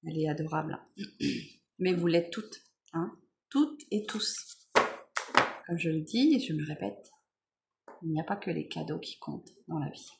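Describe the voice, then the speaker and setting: A woman vlogger chatting casually while unboxing beauty products, relaxed, with many fillers and self-corrections. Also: low voice, unhurried, gravelly, pauses often, slight background noise.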